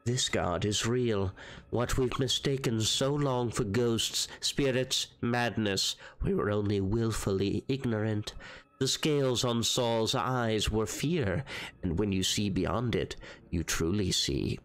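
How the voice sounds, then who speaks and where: A man putting on a creepy voice to read out the writings of a male religious fanatic, slow and drawn out. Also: lowish voice. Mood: ominous. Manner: slow, drawn-out ominous reading. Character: creepy male fanatic preaching dark scripture.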